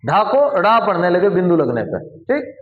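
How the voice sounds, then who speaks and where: A man's voice: sits high, very animated, moderate pace, reverberant, phone-quality sound. A man teaching a classroom lesson, explaining step by step and often putting questions to his students. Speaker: Hindi teacher.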